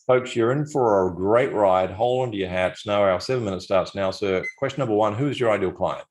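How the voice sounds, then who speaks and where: Upbeat Australian man hosting, low voice. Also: fairly quick, slight background noise. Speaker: podcast host. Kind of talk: scripted interview hosting.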